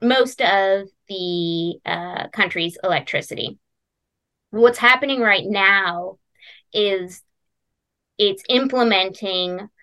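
A woman's voice: medium pitch, bright, forceful tone, clear, resonant tone. A woman hosting a casual podcast chat, hesitant and full of ums and uhs. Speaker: podcast host.

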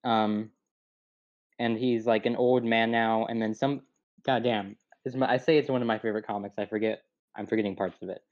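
A man's voice: on the low side, fairly even intonation, brisk. Rambling young man, muffled audio. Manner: rambling, laughing, self-deprecating. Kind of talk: casual chat. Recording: dull lo-fi sound.

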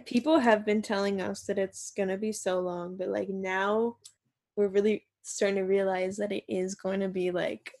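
A woman's voice: medium pitch, steady tone, moderate pace, darkish tone. A young woman in her late teens co-hosting a casual podcast, bubbly and gossipy, full of "like". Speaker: podcast co-host. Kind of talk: casual chat.

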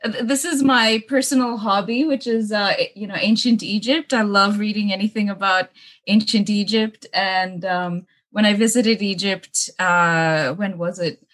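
A woman's voice: medium pitch, fairly even intonation, moderate pace, a bit bright. A young woman with a mixed, hard-to-place accent, chatting casually as an interview guest, laughing often and using many fillers. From Middle East (Kuwait). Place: bungalow room with books at her parents' home.

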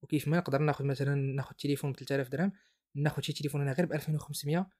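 A man's voice: on the high side, a little mellow. A man with a Moroccan Arabic accent hosting an informal explainer podcast, mixing French terms into his speech. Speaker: podcast host.

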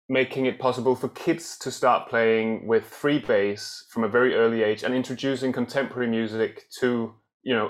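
A man from Denmark, a guest accordionist on a podcast, telling his story thoughtfully with many fillers and restarts. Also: medium pitch. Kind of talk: podcast interview.

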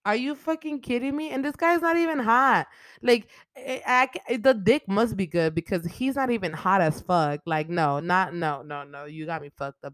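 A young woman hosting a casual podcast, recapping a movie in a profane, animated way with lots of "like". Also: fairly low pitch, dry recording. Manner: profane, animated retelling with frequent "like". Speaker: podcast host.

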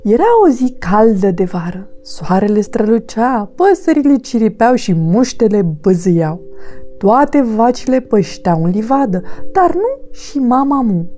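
A woman reading a children's storybook aloud as the host of a story channel, with a clear, expressive delivery. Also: on the high side, faint music behind.

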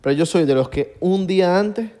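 A man from Venezuela with a Venezuelan Spanish accent, teasing in relaxed casual chat. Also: high-pitched, moderate pace.

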